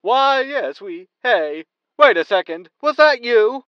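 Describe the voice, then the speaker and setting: This male actor, cast as a loud, high-voiced, brash and excitable tabloid radio announcer in a sci-fi audio sitcom, plays the moment startled and wary. His heavily acted delivery is slow, with a clear, resonant tone, on a dry but muffled recording.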